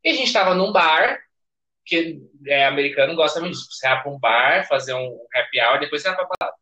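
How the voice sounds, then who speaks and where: A young man with a Brazilian accent, a podcast guest telling a story in casual chat, animated and laughing. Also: fairly high pitch, fast talker, dull audio.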